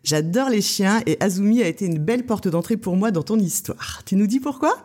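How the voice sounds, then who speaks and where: Mellow-voiced woman podcast host. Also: mid-range voice, expressive, a little fast. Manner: friendly, encouraging, frequent short acknowledgements. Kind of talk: interview, partly scripted intro. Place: small shop, behind the till.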